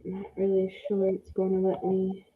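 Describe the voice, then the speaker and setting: A woman co-hosting a podcast in slow, hesitant casual chat, her voice muffled as if heard through a wall. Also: medium pitch, completely flat delivery. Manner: slow, hesitant, with many fillers. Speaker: podcast co-host. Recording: muffled phone-like line, echoey room.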